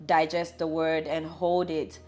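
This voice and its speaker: A woman's voice: low voice, a little slow, faint music behind. A young woman with a Nigerian accent, chatting casually and encouragingly as she walks through her Bible study tips. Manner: chatty, encouraging, lively asides. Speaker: vlogger.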